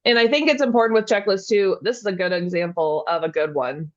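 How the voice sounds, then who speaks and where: A woman in a relaxed teaching chat who asks questions and slowly sounds out Spanish words. She laughs easily and talks at a middle pitch for a woman. The recording sounds a little dull. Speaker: co-host learning Spanish.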